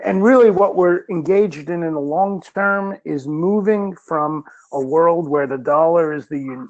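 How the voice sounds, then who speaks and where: A man on a video call explaining economic policy in measured answers, with frequent ums and restarts. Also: on the high side, a little mellow, lo-fi sound. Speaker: policy expert panelist.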